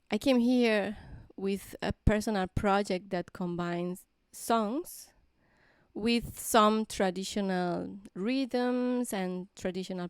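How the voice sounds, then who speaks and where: A woman with a Spanish accent chats casually to her live-stream viewers, often stopping and restarting her sentences. Her voice is smooth and clear, and the close recording is dry, with no room sound. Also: medium pitch, a little mellow, no room sound. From Granada, southern Spain. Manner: halting, restarts often, filler-heavy. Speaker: singer-songwriter hosting a live stream.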